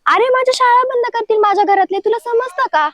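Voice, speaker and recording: A woman's voice: very high-pitched, quick pace, a bit bright. A young woman playing a worried, scolding schoolgirl in a comedy sketch. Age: teens. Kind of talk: acted comedy sketch dialogue.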